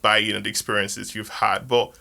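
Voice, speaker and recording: Podcast host, male, emphatic and sincere, gravelly and bright-edged. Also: lowish voice, little pitch movement, brisk. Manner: earnest and emphatic, repeats key words. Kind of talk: casual podcast conversation.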